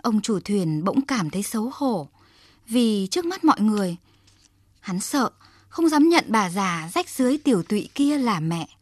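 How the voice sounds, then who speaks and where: A woman's voice: medium pitch, big pitch swings, normal speed, a little mellow, no echo. A woman narrating a folk tale for children, speaking expressively and addressing the little listeners. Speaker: storyteller for children.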